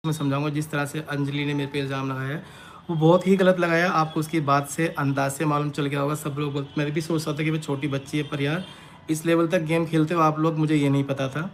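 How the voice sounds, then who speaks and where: An online creator answers accusations on a live stream, speaking off the cuff to his followers in a defensive, emphatic way and repeating his points. His voice sits on the high side with little pitch movement and a fairly quick pace, over noisy audio with background ambience.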